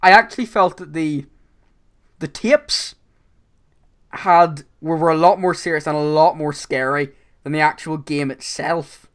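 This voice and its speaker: A man's voice: on the high side, fairly even intonation, measured pace, pauses often. A man hosting a casual gaming podcast, talking energetically with a sore voice and stumbling over repeated words. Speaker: podcast host.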